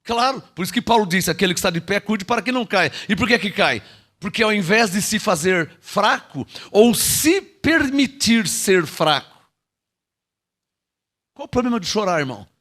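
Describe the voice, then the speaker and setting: A man preaching a sermon, swinging from loud, drawn-out calls to hushed asides and checking in with his listeners. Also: sits high, expressive. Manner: checks in with the listeners, calling out "alô?" and "irmão". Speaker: pastor.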